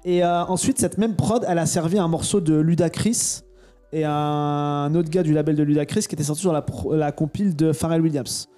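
A man's voice: a little high, fairly even intonation, a little fast, dark tone, soft background music. Playful man hosting a quiz. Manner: playful, teasing quizmaster. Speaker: podcast host. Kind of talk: casual quiz chat.

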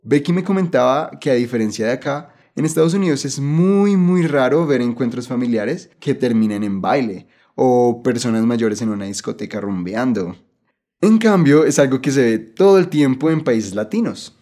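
A man's voice: mid-range voice, lively intonation, normal speed, dark tone. A man hosting a language-learning podcast, talking cheerfully and with enthusiasm, with an easy laugh. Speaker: podcast host and teacher. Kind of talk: scripted podcast narration.

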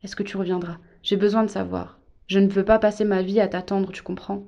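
A woman's voice: mid-range voice, level tone, a little fast, creaky, warm tone, close to an everyday voice. A woman voicing a distraught young mother who argues and pleads sharply with her husband, in a story reading. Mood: pleading.

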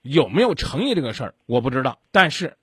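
Male advice host, blunt and lecturing, lively rising-falling delivery, slightly husky. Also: medium pitch, fast talker, no room sound, studio quality. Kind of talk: call-in advice talk.

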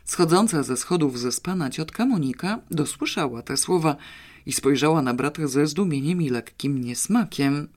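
Lively audiobook narrator. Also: medium pitch, normal speed.

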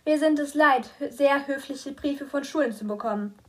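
A woman reading a stern, controlling mother's lines in an audiobook, slow and clear with bitter edges. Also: high voice, natural voice. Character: stern middle-aged mother, cold and controlling.

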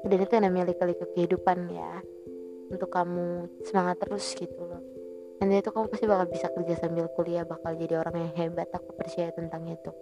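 A young woman talks gently and earnestly, as if comforting a listener. Her voice sits somewhat low, and she pauses and restarts often. Music plays clearly behind her. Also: little pitch movement. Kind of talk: casual heartfelt advice to a listener. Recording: music playing loudly behind.

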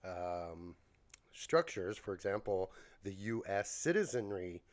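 Rambling man with a lowish voice and bronchitis. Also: sing-song, slow pace. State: coughing with bronchitis. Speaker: podcast co-host. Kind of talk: casual rambling podcast chat.

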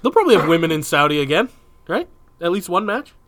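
A man's voice: high voice, sing-song, fast, a bit bright. A man co-hosting a casual podcast, easygoing and laughing often. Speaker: podcast co-host.

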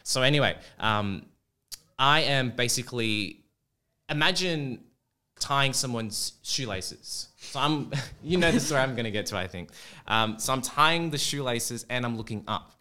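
Bright-voiced man telling joking stories. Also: mid-range voice, animated, a little slow, clean tone. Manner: joking, self-mocking anecdotes. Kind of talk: casual storytelling interview.

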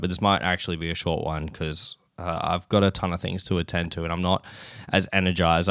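A young Australian man talks through a loose, profanity-laced solo podcast episode, a bit drowsy from just waking up. His voice sits very low and comes through smooth and clear. The sound is close and dry, with no room around it. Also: fairly bright tone, dry recording. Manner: rambling, swears often, laughs between thoughts. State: sleepy, just woken up. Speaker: podcast host. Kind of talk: casual solo podcast chat.

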